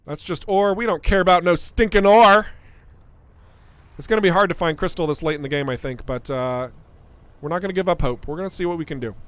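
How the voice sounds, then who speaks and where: A man's voice: high-pitched, brisk, a bit bright, clean tone. A young man, a game developer, giving playful live-stream commentary while playing, chatting with viewers and laughing often.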